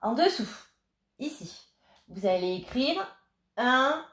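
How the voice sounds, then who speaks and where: A woman teaching young children remotely, dictating words slowly and patiently. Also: on the high side, lively intonation, fairly bright tone. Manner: slow, clear, patient dictation. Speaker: primary school teacher. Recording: echoey room.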